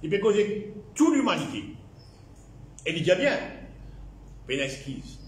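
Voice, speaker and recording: A man's voice: sits high, sing-song, measured pace. A man with a Mauritian accent preaching a sermon as a pastor, repeating key phrases and dropping in English words. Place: church. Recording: echoey church hall.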